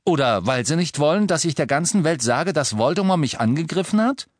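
A man's voice: on the high side, very animated, brisk, no echo, studio quality, voice pushed up. A man voicing a bitter, earnest teenage boy wizard in an audiobook. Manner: earnest, sarcastic.

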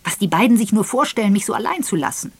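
A woman's voice: mid-range voice, expressive, husky, dry recording. Fields: a woman doing a brusque old rich man. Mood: impatient. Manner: brusque, loud and quick. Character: gruff impatient rich old invalid man.

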